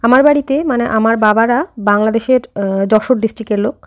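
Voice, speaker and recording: A quick-talking woman in her thirties narrates her day straight to her viewers, with a slight rural Bengali lilt and lots of fillers. Her voice sits a little high, and she is recorded on a camera held some way off, at home and outdoors. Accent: Bengali with a slight rural Jessore-Khulna lilt. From India. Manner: chatty, addresses viewers directly, frequent fillers. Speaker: vlogger. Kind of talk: casual vlog narration. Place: home and outdoors while running errands.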